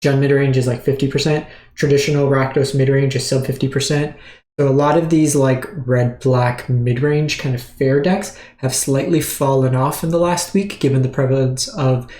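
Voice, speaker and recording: A man's voice: mid-range voice, normal speed, roomy sound. A man hosting a weekly card game strategy breakdown, talking casually with many fillers and restarts while he is still short of breath. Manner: relaxed, filler-heavy, frequent restarts. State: short of breath after surgery. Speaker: host. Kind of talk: casual gameplay meta breakdown.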